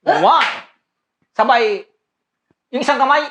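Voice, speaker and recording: A woman's voice: high voice, takes it slowly, a bit bright, slight background noise. A woman playing a teasing karate teacher in a comedy skit, calling out short commands and laughing often.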